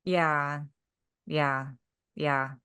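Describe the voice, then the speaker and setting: A woman's voice: low-pitched, steady tone, drawn-out words, bright, forceful tone, clean tone. A woman co-hosting a podcast, speaking thoughtfully and asking probing questions. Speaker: podcast co-host. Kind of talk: casual podcast discussion.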